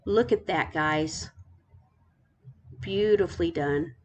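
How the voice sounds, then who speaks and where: A woman's voice: lowish voice, slow pace, a little hiss or hum. A middle-aged woman from Texas, hosting a casual tour of a game island, gushing and repeating her praise.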